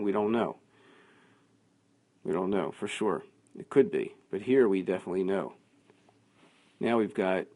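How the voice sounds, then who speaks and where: A man teaching a class, working through quiz answers out loud in a conversational way. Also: low-pitched. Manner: thinking aloud, conversational, with fillers.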